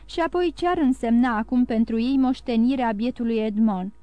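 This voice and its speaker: A woman's voice: a little high, warm tone, clear, resonant tone, no echo, natural voice. Woman voicing a grumbling greedy innkeeper. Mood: scheming. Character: greedy, wavering old male innkeeper.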